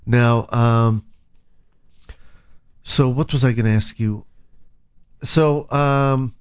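A man hosting a radio talk show, easygoing and quick with short affirmations. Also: medium pitch, steady tone, clean tone, dry recording, lo-fi sound.

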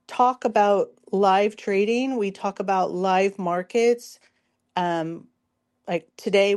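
A woman hosts a casual commentary show with a hoarse, strained voice that sounds worn out. She explains things informally, step by step, and talks straight to the people listening. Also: mid-range voice, darkish tone. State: hoarse, losing her voice. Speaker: show host.

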